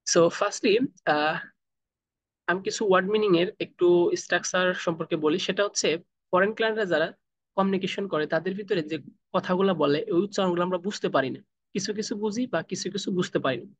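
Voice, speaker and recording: A man with a Bangladeshi accent and a high voice teaches a spoken English class over a video call, drilling pronunciation slowly, one sound at a time.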